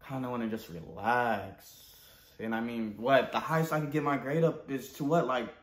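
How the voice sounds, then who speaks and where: The parody-channel host, a young adult man with an American accent, voices an awkward, naive student in a laid-back comedy sketch, hesitant and slangy. He keeps a mid-range, steady tone at normal speed, and the living-room recording sounds roomy and echoey.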